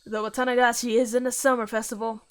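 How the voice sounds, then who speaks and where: A woman voicing a confident, bossy teenage class leader, loud and commanding. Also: on the high side, level tone, quick pace, close to an everyday voice. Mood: bold.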